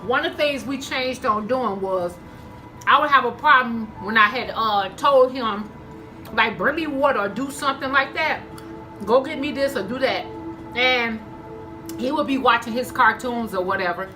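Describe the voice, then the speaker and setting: A woman's voice: on the high side, normal speed, sharp tone, soft background music, rough recording. A woman telling stories casually to her viewers in a conversational way while eating, acting out bits of dialogue. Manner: conversational, addresses viewers as y'all, acts out dialogue. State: eating, chewing between phrases. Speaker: mukbang vlogger.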